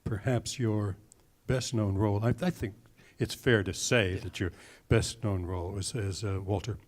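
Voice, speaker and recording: A man's voice: lowish voice, fairly even intonation, moderate pace. A male interviewer asking questions with dry, teasing humor. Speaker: interviewer host.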